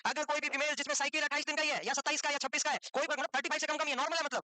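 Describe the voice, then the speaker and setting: A woman's voice: sits high, flat delivery, rapid-fire, bright, forceful tone, no room sound. A woman teaching a medical class, firing questions at her students over and over and mixing in English medical terms. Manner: quizzes the class with repeated questions; switches between Hindi and English medical terms. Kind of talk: classroom lecture.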